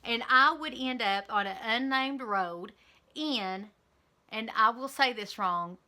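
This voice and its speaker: Chatty Kentucky woman, bright voice. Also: a little high, slow. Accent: Eastern Kentucky. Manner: chatty and candid, with frequent ums and likes. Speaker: vlogger. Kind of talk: casual chat to camera.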